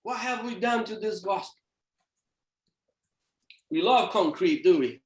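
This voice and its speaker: A man from Brazil with a Brazilian Portuguese accent, giving an animated, playful church lecture as a theologian. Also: high voice, unhurried. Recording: echoey church hall.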